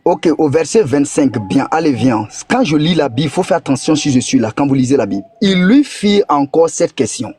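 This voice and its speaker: Husky-voiced man arguing religion, insistent, animated high pitch. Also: fast, few pauses, soft background music. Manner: insistent, pressing questions. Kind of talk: religious debate, reading scripture aloud.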